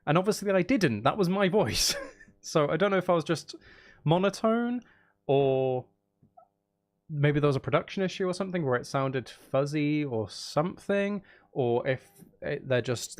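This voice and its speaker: Speaking at normal speed in an animated voice on the high side, a man chats on his livestream about the game he's playing. A game streamer and audiobook narrator, he rambles casually and makes fun of himself.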